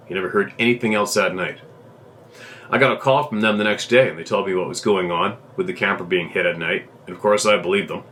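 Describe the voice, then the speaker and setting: Man with a bright, lowish voice reading aloud. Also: a little hiss or hum. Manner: steady, plain storytelling delivery with small restarts. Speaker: host reading a viewer's letter. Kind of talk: reading a submitted encounter story aloud.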